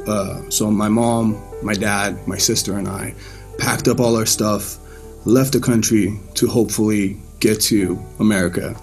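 A man from Iran giving his personal faith testimony to a church group in a casual, loose way, with frequent pauses and restarts. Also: fairly low pitch.

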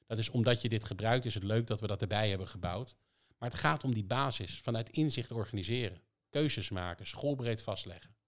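A man's voice: lowish voice, fairly quick. A man speaks in an explanatory podcast chat with a mid-range voice. He drives his points home through strings of rhetorical questions. His tone is emphatic and practical. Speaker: education software provider.

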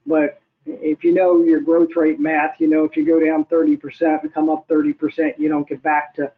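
An older man, an economist, explaining figures in a measured way with many hesitations. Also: on the high side, completely flat delivery. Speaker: guest economist. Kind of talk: interview answers. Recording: tinny phone-like line.

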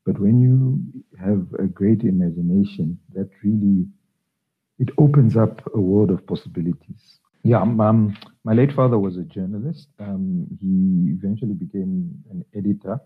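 A man's voice: low voice, normal speed, husky. A middle-aged man from Zambia, a children's author answering interview questions with many hesitations and restarts. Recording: tinny phone-like line.

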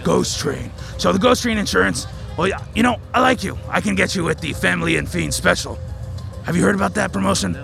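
A man playing a pushy snake-monster insurance salesman, making an eager, loud sales pitch. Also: animated, brisk, creaky, music in the background, exaggerated voice.

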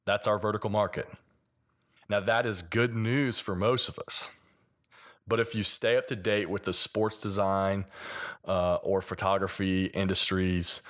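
Low-voiced man with a mild Kentucky Appalachian accent. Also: fairly bright tone. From Kentucky, United States. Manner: conversational, explains with examples. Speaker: podcast host and sports designer. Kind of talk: solo podcast monologue, explanatory.

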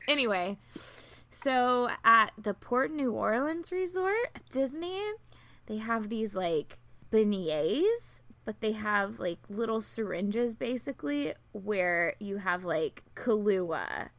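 A woman with very lively, swinging intonation talks in a casual, rambling podcast style, close and dry. Her words come out slightly thick, as with a swollen tongue. She is giggly and makes fun of herself. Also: medium pitch, slow pace, dry recording. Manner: giggly, self-deprecating, filler-heavy rambling. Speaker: podcast co-host. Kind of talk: casual chat.

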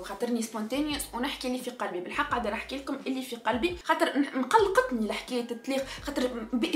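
A woman's voice: high voice, echoey room. A woman with a Tunisian accent giving a spontaneous, passionate monologue, repeating her key phrases for emphasis. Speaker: vlogger.

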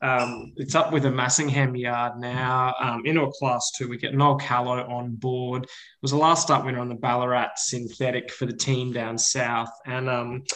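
An Australian man talks through his betting picks in a medium-pitched voice. He is laid-back and slangy, feeling his way hesitantly through casual, unscripted commentary. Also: level tone, moderate pace, fairly bright tone, rough recording. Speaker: horse racing tipster.

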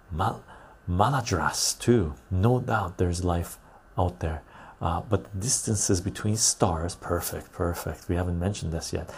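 A man's voice: sits low, creaky, mellow, slightly rough. A man hosting a live stream, reading viewer comments aloud and riffing on them in casual chat, often tagging "right?".

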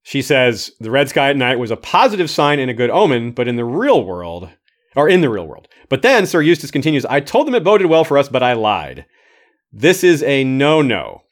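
A man on a livestream reads out a listener's notes and stops to comment between them. He has a medium-pitched voice and an easy, conversational manner. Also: big pitch swings, moderate pace. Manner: reads comments aloud, adds own remarks with laughs. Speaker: podcast host reading listener comments. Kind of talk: casual livestream chat. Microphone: streaming microphone.

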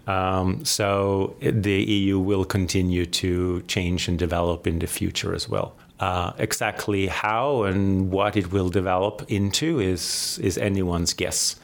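A man, a guest academic answering interview questions in a measured, hesitant way, with many pauses and restarts. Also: sits low, steady tone, gravelly. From Sweden. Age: 40s.

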